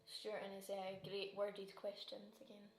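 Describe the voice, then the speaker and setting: A woman's voice: medium pitch, completely flat delivery, unhurried, a little hiss or hum. A Scottish woman hosting a casual quiz, reading each question twice and laughing often. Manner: giggly, chatty, reads questions twice. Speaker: quiz host. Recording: roomy echo.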